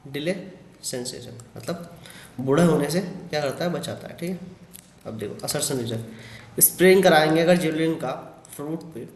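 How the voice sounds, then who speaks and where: Hindi-speaking man teaching biology, echoey room. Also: a little high. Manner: addresses students as "beta", frequent "thik hai" and "hai na" check-ins. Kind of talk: exam question walkthrough lecture.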